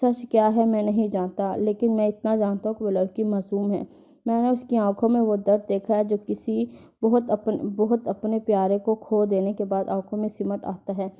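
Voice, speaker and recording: A woman reading the lines of an earnest young man in a storybook, speaking in a measured way. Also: medium pitch, flat delivery, warm tone, lightly acted.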